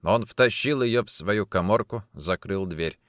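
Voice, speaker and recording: A man narrating an audiobook in a dramatic, expressive reading. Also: on the low side, measured pace, no echo, studio quality. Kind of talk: scripted narration.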